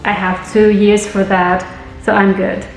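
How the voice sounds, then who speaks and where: A woman's voice: medium pitch, flat delivery, a little slow, reverberant, faint music behind, rough recording. A young woman from Lebanon giving travel tips in a friendly, explanatory scripted vlog. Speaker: travel vlogger.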